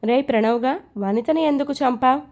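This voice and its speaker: A woman doing a scoffing male police officer, taunting, stern, storybook reading, mellow tone. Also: high voice, moderate pace, close to an everyday voice. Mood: mocking.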